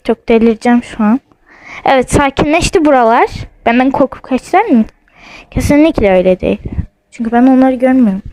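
High-voiced nervous young woman at home. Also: brisk, darkish tone, dry recording, low-quality recording. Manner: nervous, jumpy, keeps saying she is scared. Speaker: vlogger. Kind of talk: casual vlog, playing a ghost-hunting app. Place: at home, in a house.

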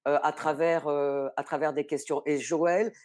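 The general commissioner of an arts season, a middle-aged woman, is interviewed by video call from her bookshelf-lined study. She answers in a low, steady, slightly mellow voice, measured and hesitant throughout.

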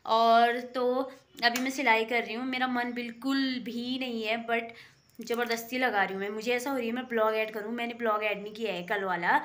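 A woman's voice: a little high, fairly even intonation, moderate pace, a bit bright. A young woman from the Indian hills talking casually in a daily vlog while sewing at home, chatty and rambling with many fillers, sometimes earnestly pleading. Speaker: vlogger.

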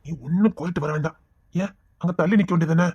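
A man playing a fast-talking flirtatious boss. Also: on the high side, darkish tone, husky, no echo, lo-fi sound. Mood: teasing. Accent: Tirunelveli Tamil. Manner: wheedling, teasing. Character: flirtatious male office boss, teasing and pleading. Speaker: office boss. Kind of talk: village web-series acting.

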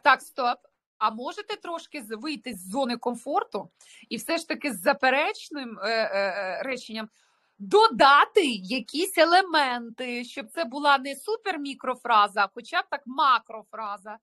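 Russian-native woman teaching online, high voice. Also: lively intonation, moderate pace, sharp tone. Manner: explains patiently, checks understanding with tag questions. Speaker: French teacher. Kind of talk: online language lesson. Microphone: video call.

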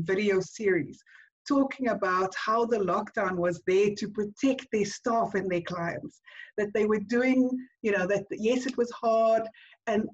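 A woman's voice: medium pitch, muffled recording. A woman with a South African accent giving an upbeat, encouraging business talk to a networking group, addressing them as "guys". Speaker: networking speaker.

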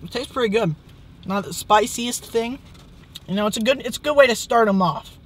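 A man's voice: extremely high pitch, moderate pace, a bit bright. A teenage young man talking casually to camera as a food vlogger, in a hesitant, understated way. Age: teens. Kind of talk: casual vlog chat. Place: inside a car. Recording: clear car interior and traffic noise.

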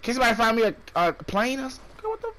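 A young man streams a game in casual chat, his voice sitting high for a man. He talks in excitable slang and fires off repeated callouts. A faint hiss runs under him. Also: rapid-fire.

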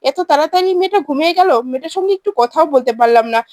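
A woman's voice: high voice, lively intonation, very fast, a little mellow, no echo, studio quality. A woman voicing a worried, stern young husband in a retold TV serial, talking in an earnest, scolding way. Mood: coaxing.

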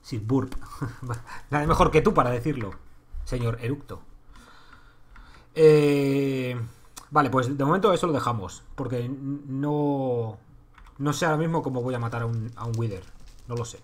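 A man's voice: mid-range voice, normal speed, long pauses. A man from Spain streaming live gameplay, chatting casually with his viewers and swearing freely as he plays. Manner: talks to himself and chat, swears freely. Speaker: livestreaming gamer. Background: keyboard typing and clicks.

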